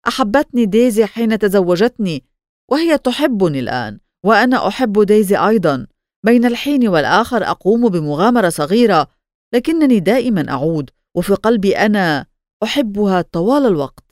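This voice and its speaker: A woman's voice: mid-range voice, expressive, fairly quick, a little mellow, no room sound, clean studio sound, lightly acted. Audiobook: domineering rich husband, emphatic bluster, woman narrator voices him. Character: brash wealthy husband, man, domineering.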